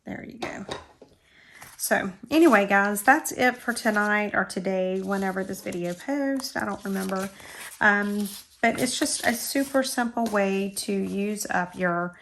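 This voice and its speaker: A middle-aged woman with a South Georgia drawl, from Florida, rambles through a casual crafting chat at her craft table, self-deprecating and working as she talks. As a crafting channel host, she has a gravelly, slightly bright medium-pitched voice at a measured pace, with a bit of hiss or hum.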